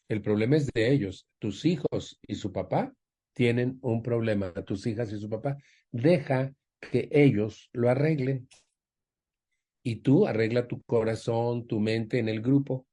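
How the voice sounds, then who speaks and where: A man speaking at a support group, counseling a woman with a personal story and acting out his family's lines. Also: mellow. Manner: acts out quoted family members with raised pitch. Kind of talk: storytelling counsel to an audience member.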